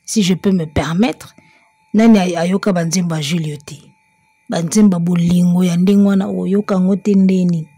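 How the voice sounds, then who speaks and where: Husky-voiced woman commentator. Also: fairly low pitch, steady tone, moderate pace, dark tone, no echo, soft background music. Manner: mixes French and Lingala, chatty and emphatic, breaks into song. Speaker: music commentator. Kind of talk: casual spoken commentary.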